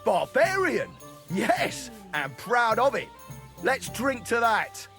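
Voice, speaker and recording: A man's voice: very high voice, huge pitch swings, slow pace, bright, forceful tone, faint music behind, heavily acted. An actor playing a crude, boozy male troubadour in a video game, boisterous and mocking. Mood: rowdy. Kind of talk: video game cutscene acting.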